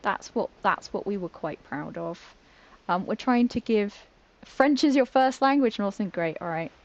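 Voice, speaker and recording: British woman, live-streaming a game, casual chat, laughs easily, stumbles over words, average pitch, dull lo-fi sound. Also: animated, unhurried, a little mellow. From Britain. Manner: chatty, giggly, self-mocking, trips over words.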